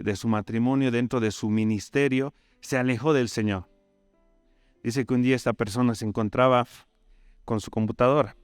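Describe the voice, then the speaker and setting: A man with a Bolivian Spanish accent preaches a sermon in a smooth, mid-range voice, recorded without echo. He tells the story conversationally and keeps tossing tag questions to his listeners.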